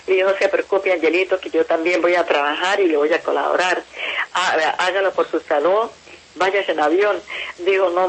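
A woman's voice: on the low side, poor audio. A middle-aged Colombian woman giving emotional testimony about her family, pleading and repeating herself. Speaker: interviewee, mother of a kidnapped son.

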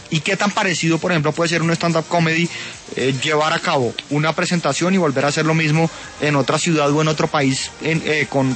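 A male radio interviewer with a slightly raised pitch asks polite, halting questions. He pauses on fillers as he works toward each point. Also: a bit bright.

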